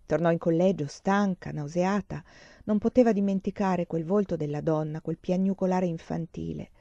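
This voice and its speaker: A woman reading a novel aloud as an audiobook reader, calm and measured. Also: lowish voice, vocal fry, dry recording, muffled recording.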